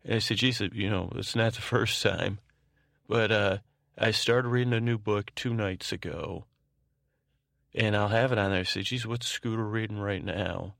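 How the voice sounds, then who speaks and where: A podcast host for a bedtime show, this man has a low, fry-filled voice, recorded very dry with no room sound at all. His tone stays steady and fairly bright as he meanders through informal announcements, halting often, breaking off mid-sentence and circling back to start again.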